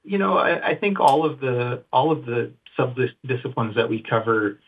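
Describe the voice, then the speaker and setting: A middle-aged geologist from northern Idaho is a guest in a casual interview, soft-spoken and hesitant, full of fillers and restarts. His mid-range voice is animated at a moderate pace, heard over a tinny, phone-like line with slight background noise.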